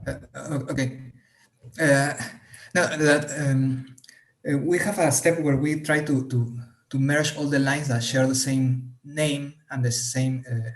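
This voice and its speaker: A man's voice: medium pitch, steady tone, takes it slowly. A man on a remote call explaining technical steps hesitantly, with lots of fillers and restarts, and his audio sounds as if he is in a cave. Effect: cave-like echo on his audio. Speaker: software developer in a meeting. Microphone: remote call microphone.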